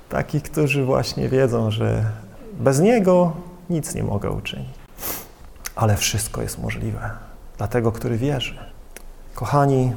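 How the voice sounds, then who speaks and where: A man preaching a sermon with passion and emphasis, using dramatic pauses and addressing his listeners directly. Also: mid-range voice, vocal fry, a little mellow, slight background noise. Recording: long reverb of a large hall.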